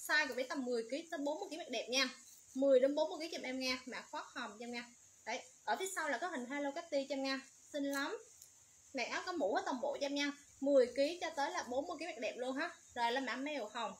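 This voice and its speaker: Hosting a livestream sale, a woman with a high voice keeps up a quick, steady patter, going over codes and prices again and again. Underneath, there's loud background noise and the crinkle of packaging.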